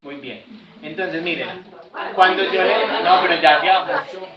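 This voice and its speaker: A man leading a sales workshop, explaining and acting out customer calls in a lively manner. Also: high voice, unhurried, a loud crowd. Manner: lively, acts out callers in raised voices. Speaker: sales trainer. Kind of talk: workshop lesson with acted examples. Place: training room. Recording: echoey room, distant dull mic.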